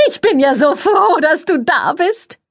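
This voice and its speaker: A woman's voice: sing-song, no echo, studio quality, heavily acted. A woman voicing a flamboyant, effusive female press agent who squeals and stretches out her endearments. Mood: gushing. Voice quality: shrill, squealing. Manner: drawn-out gushing endearments.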